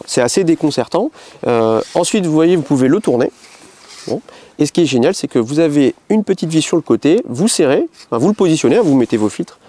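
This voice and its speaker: A man with a mellow, darkish voice walks through a piece of camera gear in a relaxed, chatty demonstration. He explains each step plainly, with plenty of small fillers, filming himself indoors. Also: a little high. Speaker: photographer reviewing camera gear. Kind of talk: casual product demonstration.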